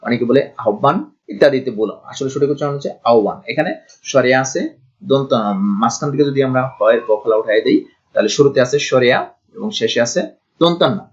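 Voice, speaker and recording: A man tutors in a slow, deliberate way, saying each example word on its own before explaining the rule. His voice sits at an ordinary middle pitch. The recording is a little dull and lo-fi. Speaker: Bengali grammar tutor. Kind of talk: online pronunciation lesson.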